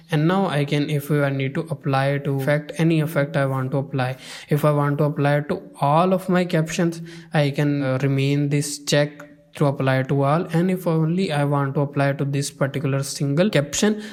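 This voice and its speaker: A man giving a step-by-step screen-recorded software tutorial, often pausing on "uh" and "you can say". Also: medium pitch.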